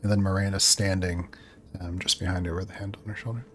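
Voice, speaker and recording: A man with a low voice runs a tabletop game, narrating and chatting in hesitant, improvised phrases. A faint layer of noise sits behind him. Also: flat delivery, quick pace. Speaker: game master. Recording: clear background noise.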